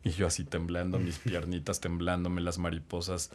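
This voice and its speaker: A middle-aged man with a Mexican accent, a voice-over announcer, telling animated stories and acting out the people in them as a podcast guest. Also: deep voice, normal speed. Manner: animated anecdote-teller, acts out quotes. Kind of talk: casual storytelling chat.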